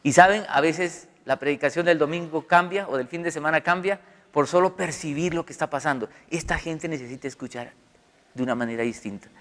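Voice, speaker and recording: Middle-aged male pastor, conversational sermon, slightly high voice, long hall reverb. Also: a little fast. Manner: conversational, animated storytelling with acted quotes.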